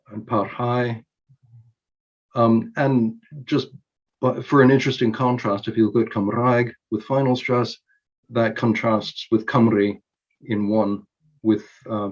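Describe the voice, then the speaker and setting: A man presenting a conference talk on linguistics, explaining slowly and carefully with frequent ums and self-corrections. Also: medium pitch, a little mellow, dull audio. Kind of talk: recorded academic conference talk.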